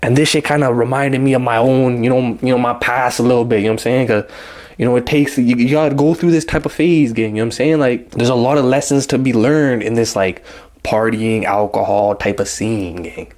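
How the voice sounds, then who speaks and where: A man's voice: mid-range voice, steady tone, brisk, a little mellow. Slangy young man telling a story. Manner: slang-heavy, rambling, acts out quotes. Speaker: vlogger. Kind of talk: casual storytime.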